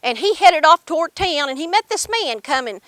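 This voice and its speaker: A woman's voice: sits high, sing-song, normal speed, fairly bright tone, no room sound. An older woman with an Appalachian accent, telling stories and memories in a folksy, emphatic way with dialect grammar. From Appalachian Mountains, Kentucky, USA. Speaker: storyteller. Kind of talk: live oral storytelling and personal reminiscence.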